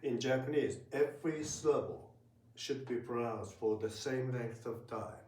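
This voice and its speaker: A man teaching Japanese in a casual spoken lesson, talking slowly and hesitantly with many fillers. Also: mid-range voice, darkish tone, slight background noise. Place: room in Tokyo. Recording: roomy, from a distance.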